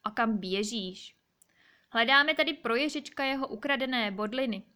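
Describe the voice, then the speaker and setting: A woman's voice: fairly high pitch, sharp tone. Wise old owl, firm, questioning, storybook voice, woman reading.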